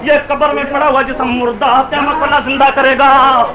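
A man with a very high voice declaims fervently in a public religious debate, often breaking into shouts. A loud crowd murmurs all around him. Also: flat delivery. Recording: noisy crowd around a speaker.

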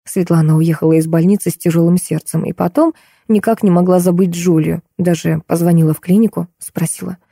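A woman reading an audiobook aloud in an even, measured storytelling manner. Her voice is mellow and warm, and the sound is dry and close. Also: fairly low pitch, gravelly, breathy edge, dry recording. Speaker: audiobook narrator. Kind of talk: scripted audiobook narration.

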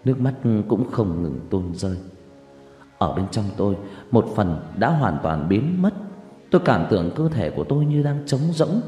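A man's voice: fairly low pitch, warm tone, highs cut off. A man narrating a sad first-person story in a mournful, dramatic way, recorded with long echoing reverb over faint music.

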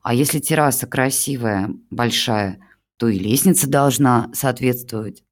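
With a light touch of acting at a measured pace, a reader voices an audiobook's melodramatic older mother in a medium-pitched voice. She poses as a pitiful old woman and flatters her son-in-law in a gushing, theatrical way.

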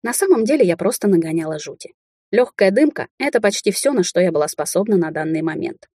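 A woman's voice: lowish voice, animated, fast, mellow, no echo, clean studio sound. A woman narrating a first-person fantasy audiobook in a wry, sardonic manner.

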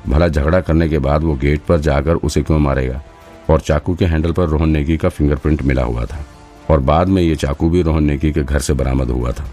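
A man's voice: very deep voice, moderate pace, dark tone, faint music behind. A man voicing a matter-of-fact woman assistant. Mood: reasoning. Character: young woman assistant to a detective, attentive.

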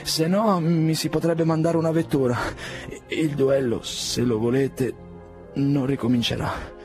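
A man's voice: a little high, steady tone, darkish tone, soft background music, voice pushed up. A man doing a proud, wounded old aristocrat. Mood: stiffly formal. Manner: formal, halting, pausing speech. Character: proud aging aristocratic gentleman, wounded and stiff.

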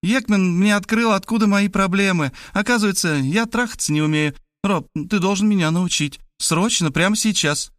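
A man's voice: high-pitched, normal speed, hardly any pauses, fairly bright tone, no room sound, clean studio sound, pitched above the performer's own voice. A man voicing a brash, pushy eighteen-year-old girl who chatters in slang and keeps insisting. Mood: excited chatter. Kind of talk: audiobook character voice.

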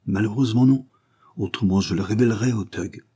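A man's voice: lowish voice, brisk, warm tone, slightly rough, pitched above the performer's own voice. A man voicing a frightened captive English engineer, pleading in a strained, anxious way.

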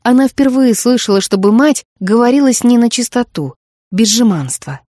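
A woman narrating a novel for an audiobook in a measured storytelling manner. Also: fairly high pitch, expressive, dark tone, no room sound, clean studio sound. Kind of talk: scripted narration.

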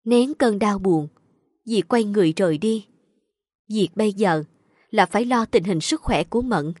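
A woman narrating a dramatic story in a steady storytelling voice. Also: medium pitch, moderate pace, no room sound, clean studio sound.

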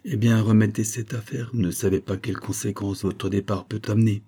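An earnest older uncle who presses his point in an insistent, pleading way, read by a man in an audiobook. The voice is low, dark and mellow. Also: steady tone, a little fast, slightly rough.

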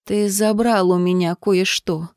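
A woman voicing a frightened, desperate young woman who pleads and breaks into shouts, in an audiobook reading. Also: medium pitch, steady tone, measured pace, no room sound, clean studio sound, natural voice. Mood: tense.

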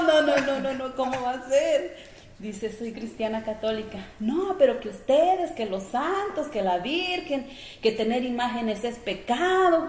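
A woman giving an emotional personal faith testimony, acting out her own past conversations as she tells it. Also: mid-range voice. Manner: emotional, animated storytelling with quoted dialogue. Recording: echoey room with faint ambient noise.

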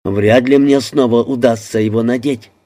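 A man's voice: mid-range voice, fairly even intonation, moderate pace, dark tone, natural voice. A man voicing a dry, sardonic American man keeping his wits in a crowded toilet. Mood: wry.

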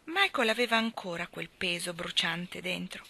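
Animated woman reading a storybook aloud. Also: fairly low pitch, moderate pace. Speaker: reader of a children's book. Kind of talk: expressive audiobook reading.

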